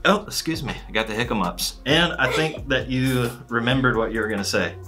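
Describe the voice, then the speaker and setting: A man's voice: mid-range voice, fairly quick, sharp tone. Middle-aged male host, enthusiastic pack-opening delivery, mid-range voice. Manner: upbeat, hyped-up about card pulls. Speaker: channel host and dad. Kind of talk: card pack opening video.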